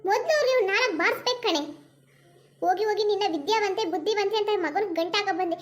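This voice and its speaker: A shrill older mother-in-law, as a woman puts her on for a cartoon, nagging and wailing in a Kannada accent. Her voice sits very high and carries loudly. She rattles along quickly. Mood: scolding. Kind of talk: cartoon voice acting.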